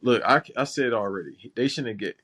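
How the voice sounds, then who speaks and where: A man's voice: medium pitch, a little fast, pushed and bright. A man from Los Angeles co-hosting a casual chat show, talking loose and slangy with lots of restarts. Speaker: podcast co-host.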